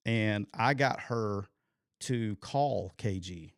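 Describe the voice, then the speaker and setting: A man, telling a long, animated and profane story as a podcast co-host. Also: fairly low pitch, slow, dry recording, studio quality. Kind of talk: casual storytelling chat.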